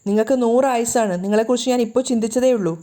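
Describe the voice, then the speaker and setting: A headstrong woman who pushes and challenges, never backing down, as a woman narrator puts her on. The delivery is rapid and slightly high, with a warm, mellow tone. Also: steady tone, close to an everyday voice. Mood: cheerful. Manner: pushy, challenging. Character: bold, defiant woman in a secret affair.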